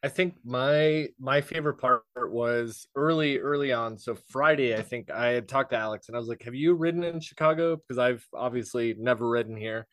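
A man in casual chat, telling stories in a relaxed way with many filler words. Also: mid-range voice, normal speed, few pauses, no echo, studio quality.

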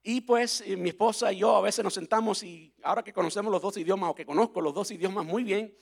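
A man preaching a relaxed sermon, his voice sitting notably high for a man. He talks in a chatty, playful way, stopping to spell words out letter by letter. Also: quick pace, creaky. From Cuba. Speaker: pastor.

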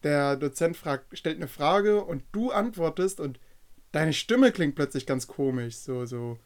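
A man's voice: a little high, unhurried. A man in his twenties co-hosting a podcast, joking and teasing in casual chat. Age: 20s. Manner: joking, teasing, acts out bits. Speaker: podcast co-host.

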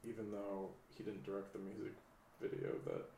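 Gravelly male podcast co-host, agreeable, echoey room. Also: fairly low pitch, flat delivery, a little fast, dark tone. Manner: agreeable, lots of "yeah", dry quips. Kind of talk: casual chat.

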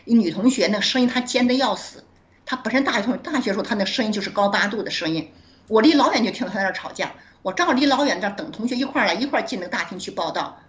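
A woman doctor, a guest in an interview, telling a story with frequent laughs and quick self-corrections as she acts out dialogue. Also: medium pitch, fairly bright tone. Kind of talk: animated storytelling in conversation.

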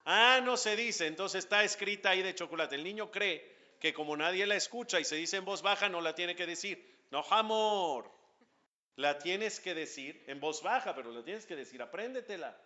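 Bright-voiced rabbi teaching a class. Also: male voice, sits high, normal speed, highs cut off. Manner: animated, asks the audience questions, chants Hebrew prayers. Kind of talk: lively religious class talk.

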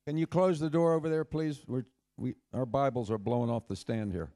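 A man preaching a sermon to a congregation in an animated way, acting out the voices he quotes. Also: medium pitch, brisk. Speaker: pastor. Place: congregation hall, door open to wind.

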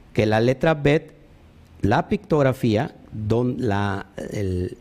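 A man teaching a sermon, stressing points emphatically, often calling out to the congregation and pausing with fillers as he searches for words. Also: medium pitch, a little mellow. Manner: emphatic, repeats "ojo" and "amén", talks to the congregation. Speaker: preacher.

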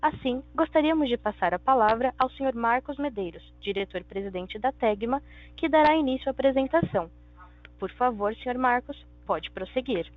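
A woman's voice: fairly high pitch, expressive, moderate pace, no room sound. A woman, the operator opening a conference call with a polite, formal scripted introduction. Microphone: phone line. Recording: dry phone-line audio.

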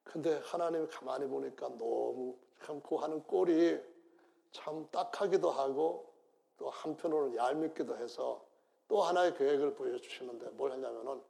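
Gravelly preacher, dark and animated. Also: male voice, mid-range voice, normal speed. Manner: storytelling, acts out quotes with big swings in loudness. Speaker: pastor. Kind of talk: sermon.

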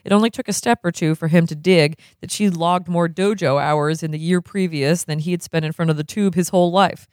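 Relaxed reader of a novel, dry sound. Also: medium pitch, brisk, dry recording. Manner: relaxed, breaks into laughter while reading. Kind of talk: reading a novel aloud.

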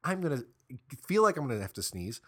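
A young man co-hosting a podcast in casual, animated chat, swearing and laughing often. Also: on the high side, fast. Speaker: podcast co-host.

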